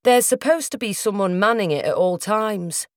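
A woman's voice: medium pitch, expressive, moderate pace, no echo, studio quality, voice pushed up, close to an everyday voice. Woman voicing a stern, clipped police inspector. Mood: brusque. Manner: clipped, sharp, sarcastic.

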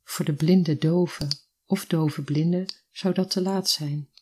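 Husky, calm storybook narrator. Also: mid-range voice, unhurried. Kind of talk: scripted narration of a literary story.

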